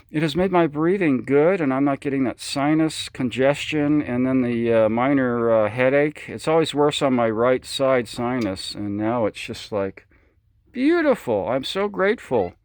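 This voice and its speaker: Indoors at his home radio station, an American ham operator rambles through a casual chat, folksy and enthusiastic. He speaks at medium pitch, and there's no room sound.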